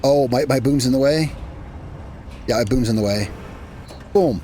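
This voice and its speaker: A man's voice: medium pitch, normal speed, dark tone, slight background noise. Chatty man narrating his gameplay. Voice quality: rambling, self-correcting, chatty. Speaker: gaming channel host. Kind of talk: casual gameplay commentary.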